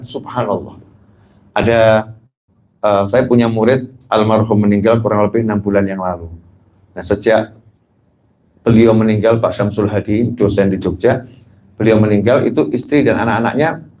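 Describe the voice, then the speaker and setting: A man's voice: medium pitch, a little mellow. A middle-aged man preaching a sermon, telling a story and joking with his congregation.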